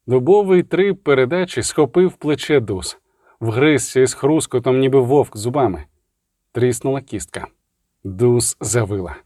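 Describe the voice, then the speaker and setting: Guy reading a fantasy audiobook, dramatic storytelling, normal pitch, dead dry recording. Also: expressive, moderate pace, warm tone, dry recording. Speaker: audiobook narrator. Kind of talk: scripted narration of a fantasy novel.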